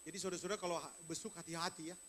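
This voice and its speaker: A man's voice: fairly high pitch, steady tone, very fast, a bit bright, slight background noise. A male pastor giving a sermon in a conversational way, speaking straight to the congregation. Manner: conversational preaching, addresses congregation directly.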